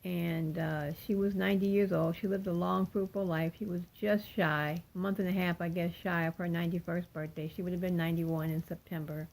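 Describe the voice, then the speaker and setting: An older woman talking without her dentures, with soft toothless articulation, in a rambling, apologetic casual update to viewers as a craft vlogger. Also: fairly low pitch, fairly even intonation, fairly quick, creaky, few pauses, low-quality recording. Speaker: cross-stitch vlogger.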